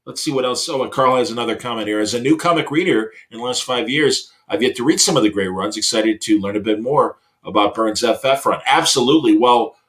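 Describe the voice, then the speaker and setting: A middle-aged talk show host chats casually and enthusiastically, rambling and often hesitating as he searches for his next phrase. His medium-pitched, fairly bright voice moves a little fast with few pauses, and the recording is rough.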